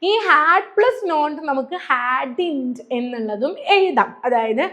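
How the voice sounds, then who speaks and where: A woman's voice: high voice, expressive, a little slow, a bit bright. A woman with a Malayali accent teaching an English grammar lesson, explaining patiently and repeating key points.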